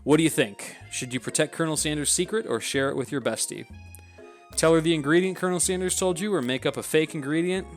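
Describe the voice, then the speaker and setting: A man's voice: on the high side, fast, faint music behind, voice pushed up, lightly acted. A man voicing an eager, nosy young woman who pleads and gushes. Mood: pleading. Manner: pleading, gushing.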